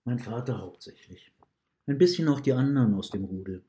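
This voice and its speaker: A man's voice: medium pitch, lively intonation, a little fast, dark tone, lightly acted. A man voicing a remorseful, weary male wolf imprisoned in a dungeon, talking in a pained, confessing way, in a read-aloud story. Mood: bitter, hurt.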